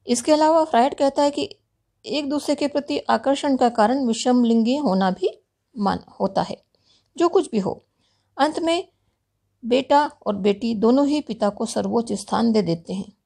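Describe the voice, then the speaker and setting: A woman philosophy lecturer delivers a recorded university lecture in a steady, explanatory way. Her voice sits a little high, with a gravelly fry and a warm, mellow tone.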